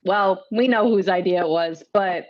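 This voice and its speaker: A woman's voice: mid-range voice, normal speed. A woman co-hosting a casual podcast chat, talking loosely and trailing off. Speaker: podcast co-host. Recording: slightly dull sound.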